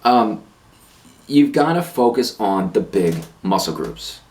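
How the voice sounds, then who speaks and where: A man's voice: on the low side, very animated, takes it slowly, a little mellow. A man on a fitness channel, ranting to camera, blunt and emphatic, who hammers his points home by repeating them. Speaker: fitness vlogger.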